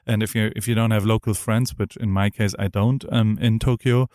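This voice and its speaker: A middle-aged man hosts a casual podcast interview, speaking eagerly in rambling sentences that keep restarting. His voice is fairly low and darkish, steady and brisk, captured dry with clean studio sound.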